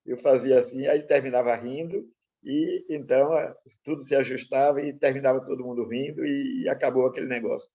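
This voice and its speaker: Speaking a little fast in a mid-range voice, a middle-aged Brazilian Portuguese-accented pastor teaches through an animated sermon. He shares personal anecdotes and acts out conversations in altered voices. The sound is lo-fi.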